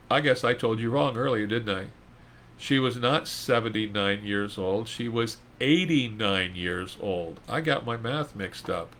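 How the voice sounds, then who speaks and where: A man's voice: medium pitch, pushed and bright. A man teaching an informal Bible study in a conversational way, reading verses and retelling them in plain speech.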